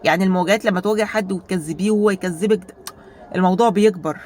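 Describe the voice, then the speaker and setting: Egyptian woman vlogging, talks super fast, animated, keeps asking her viewers stuff. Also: medium pitch, slight background noise. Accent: Egyptian Arabic. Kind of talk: casual storytelling monologue.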